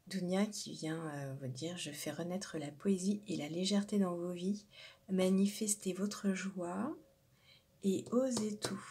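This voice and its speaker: A tarot card reader with a lowish, gravelly, husky voice does an intuitive card reading for her viewers. She sounds hesitant, searches for words, and often drops into a whisper.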